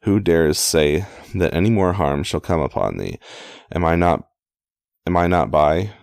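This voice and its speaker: Gruff grieving outlaw, read by a man in his own very deep, gravelly voice. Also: lively intonation, unhurried, a little mellow, no echo, clean studio sound, heavily acted. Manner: plain read-aloud delivery, stumbles on old wording.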